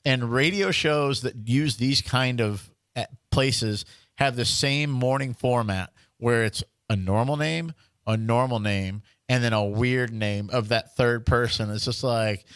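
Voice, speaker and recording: A man's voice: measured pace, fairly bright tone, clean tone, dry recording. Chatty podcast man, dry sound. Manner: chatty storyteller, slips into a booming radio-DJ voice. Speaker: podcast co-host. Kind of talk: casual comedic chat.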